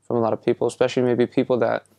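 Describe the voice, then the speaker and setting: Being interviewed, a young musician from Iceland stumbles casually through his replies, restarting often and leaning on fillers. He talks at a racing pace in a gravelly, dark voice whose pitch barely moves. The audio is dry and closely miked.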